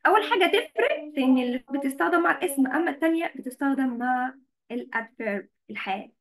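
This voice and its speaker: Over a video call, an Egyptian woman with a high, bright voice teaches English words to children, speaking in an expressive, racing way. She mixes Arabic with English and repeatedly asks whether everyone is following as she explains the vocabulary.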